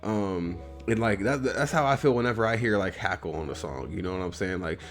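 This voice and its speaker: A man with a Midwestern US accent talks through an album review in a loose, rambling way, swearing freely. His voice sits a little low, and soft music plays faintly behind him. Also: lively intonation, fairly quick. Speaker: host.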